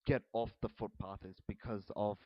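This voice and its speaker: A man's voice: on the low side, steady tone, normal speed, dry recording, dull audio. A young man co-hosting a casual podcast, laughing and teasing his friends, often stumbling into stammered restarts. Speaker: podcast co-host. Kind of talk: casual chat.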